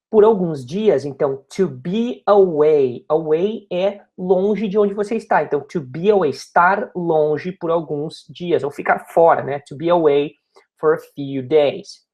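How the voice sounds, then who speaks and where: A Brazilian man teaching a recorded lesson. He reads each phrase slowly, then explains it quickly, repeating words to drill pronunciation. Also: high voice, darkish tone.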